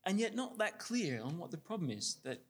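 A man's voice: sits high, very animated, brisk, husky. A man reading scripture steadily, then preaching with many fillers and restarts.

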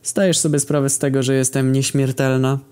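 A man's voice: mid-range voice, level tone, fairly quick, darkish tone, clean tone, pitched above the performer's own voice, close to an everyday voice. A man voicing a haughty, mocking immortal female tyrant. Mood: scornful. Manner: sneering, scornful.

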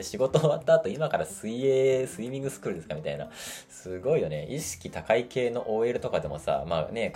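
A man with a very low voice talks casually through a solo podcast episode. He is chatty and animated, and his voice jumps up when he acts out quotes. Soft music plays faintly behind him. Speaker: podcast host. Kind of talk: casual monologue.

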